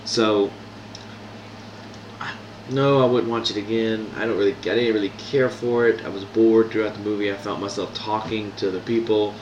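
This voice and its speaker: A man with a lowish voice talks casually through a movie review, hesitating with ums and restarting his sentences. He sits some way from a built-in mic, so an echoey room sound hangs on every word, with a faint hiss underneath. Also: steady tone, moderate pace, far from the mic, lo-fi sound. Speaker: podcast host reviewing movies. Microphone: no proper microphone, built-in device mic.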